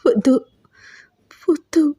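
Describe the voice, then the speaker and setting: A woman's voice: slow, warm tone, natural voice. A woman voicing a frightened young woman held captive, crying and pleading. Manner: pleading, tearful.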